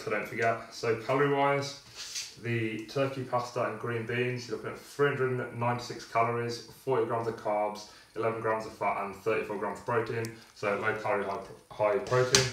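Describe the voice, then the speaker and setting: A young fitness vlogger with a lowish, fairly bright voice talks casually and rambles with fillers in a video diary. He's filmed in his small, echoey home kitchen by a distant camera mic, and the audio is noisy.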